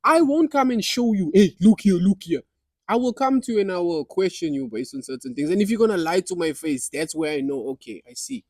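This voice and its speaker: A young man telling a comic story in casual, halting chat, getting heated. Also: high-pitched, animated, dry recording. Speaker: podcast guest and comedian.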